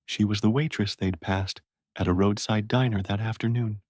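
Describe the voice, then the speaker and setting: A man giving scripted horror story narration in a measured, dramatic way. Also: fairly low pitch, fairly even intonation, darkish tone, no room sound, clean studio sound.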